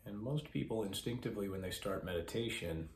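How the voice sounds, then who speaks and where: A man with a low, deep voice guides a meditation, slow and calm, pausing often between instructions. His voice rings in an echoey room over a faint background hiss. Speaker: mindfulness instructor.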